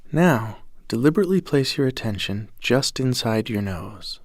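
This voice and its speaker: A man gently narrating a scripted guided breathing meditation in a calm, measured way, with soft phrase endings. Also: mid-range voice, no echo, studio quality. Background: music.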